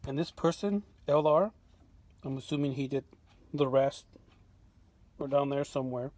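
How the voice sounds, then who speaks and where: A man who restores vintage radios gives an unscripted show-and-tell of his work in his home workshop. He sounds relaxed, using plenty of fillers and restarts, at medium pitch and normal speed. There is no room sound.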